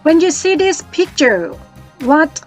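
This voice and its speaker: A high-pitched woman with a Thai accent teaches English words to children, saying each one slowly and breaking it into syllables. Her tone stays encouraging, and faint music plays softly behind her. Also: lively intonation.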